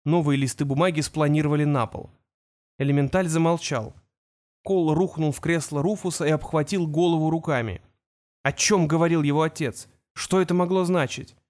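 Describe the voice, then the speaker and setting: A man reading a fantasy audiobook in a steady, measured storytelling manner. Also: a little high. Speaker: audiobook narrator. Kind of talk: scripted fantasy narration.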